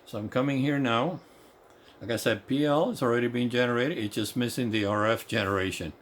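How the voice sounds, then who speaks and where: Speaking at medium pitch and a little fast, a non-native English-speaking man walks through repeater equipment as a radio technician. His informal, eager explanation happens in a home electronics workshop indoors, where clear background noise and shop ambience are audible.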